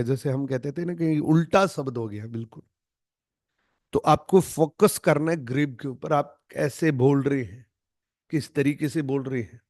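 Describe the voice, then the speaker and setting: A man with a notably high voice coaches a group on an online call. He speaks emphatically and keeps re-voicing short example lines to demonstrate tone. The sound is close and dry, with no room. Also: a little mellow, no room sound. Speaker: network marketing trainer. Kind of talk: online training session.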